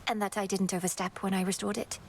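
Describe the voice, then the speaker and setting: A woman plays an earnest young witch princess in a video game. Her voice sits at a middle pitch, polite and sincere, with a light teasing edge. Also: little pitch movement, fast, slight background noise, close to an everyday voice.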